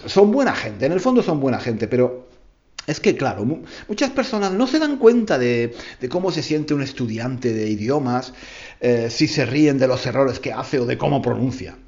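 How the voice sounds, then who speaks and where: A Spanish-speaking man hosts a podcast for language learners, playfully spinning a tall tale and repeating phrases for emphasis. His mid-range voice swings widely in pitch at a moderate pace, with a darkish tone, and the audio is dull.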